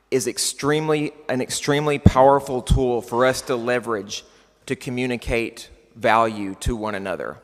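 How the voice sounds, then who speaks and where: A man with a West Texas accent delivers a prepared presentation as a conference speaker. His phrasing is deliberate and emphatic, with key words repeated, at a medium pitch. The sound is that of a large hall, with a long reverberant tail on the voice. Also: fairly bright tone. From West Texas, United States.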